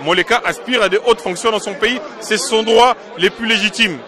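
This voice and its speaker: A man's voice: sits high, normal speed, crowd noise. A man from Congo, a diaspora political activist, answering interview questions in an emphatic, insistent way and repeating his points.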